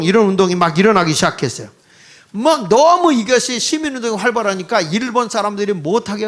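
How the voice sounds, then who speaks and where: High-voiced older man lecturing animatedly. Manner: animated, mocking, quips with laughing asides. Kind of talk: political history lecture to an audience.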